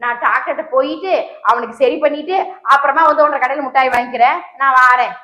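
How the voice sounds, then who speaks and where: Woman as a high-voiced, fussing village mother who haggles and exclaims, roomy echo. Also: quick pace. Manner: exclaiming, fussing, bargaining loudly. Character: fussy, doting village mother, middle-aged. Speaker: comedy skit actor. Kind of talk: comic sketch acting.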